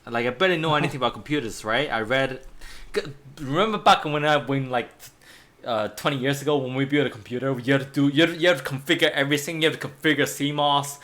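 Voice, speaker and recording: A man in his thirties, a native Chinese speaker, talks casually as an art teacher while he draws. His mid-range voice moves at a quick pace with a slightly bright quality, and he rambles, restarts often, and laughs a lot.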